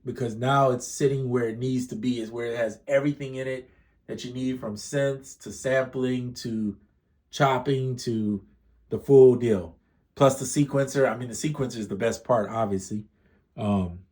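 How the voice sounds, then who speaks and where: Speaking at a medium pitch, a man casually walks through a music gear demo in a mellow, laid-back way. He sounds slightly stuffy, rambles, revises himself mid-sentence, and fills the gaps with plenty of filler words.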